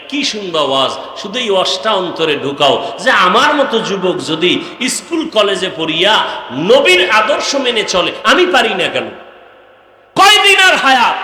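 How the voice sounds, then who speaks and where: A man preaching a waz sermon, chanting in a sing-song style and rising into high, shouted pleas. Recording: echoey long reverb over loudspeakers.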